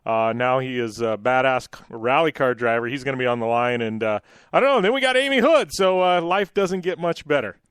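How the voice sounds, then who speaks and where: A man's voice: medium pitch, expressive, brisk, a bit bright, clear, resonant tone, dry recording, studio quality. A man hosting a radio show in a casual, chatty style.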